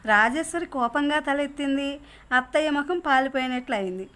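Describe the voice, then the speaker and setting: నవల చదువుతున్న కాస్త ఎత్తైన గొంతు గల స్త్రీ. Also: female voice, high-pitched, moderate pace, bright, forceful tone. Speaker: narrator reading a novel. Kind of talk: audiobook narration of a novel.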